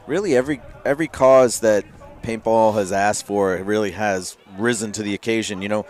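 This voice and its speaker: Relaxed male paintball commentator. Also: on the low side, brisk. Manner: relaxed, many fillers and restarts. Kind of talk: live sports commentary.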